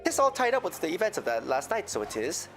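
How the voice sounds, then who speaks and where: Lilting, animated Irish moneylender. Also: male voice, fairly high pitch, quick pace, faint music behind. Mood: deferential, folksy. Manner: lilting, folksy, theatrical. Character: folksy, smooth-talking Irish moneylender, genial male witness. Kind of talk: voiced reading of game dialogue.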